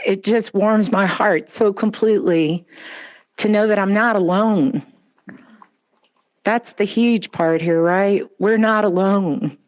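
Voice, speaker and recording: A woman speaks at an outdoor pet memorial in a slow, unhurried way. Her tone is gentle and consoling, with soft pauses as she addresses the mourners. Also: medium pitch.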